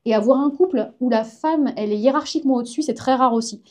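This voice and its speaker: A woman's voice: sits high, fast, mellow. A woman, a comic artist and science journalist, chatting casually and enthusiastically as a guest on a live stream.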